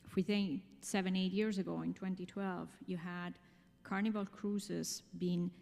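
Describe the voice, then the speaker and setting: Speaking to an audience in a big conference room, this woman from Italy gives an explanatory, emphatic talk with an Italian accent, often checking in through rhetorical questions. Her pitch sits on the low side, with a steady, slightly mellow tone, measured pacing and vocal fry. Long hall reverb surrounds her voice.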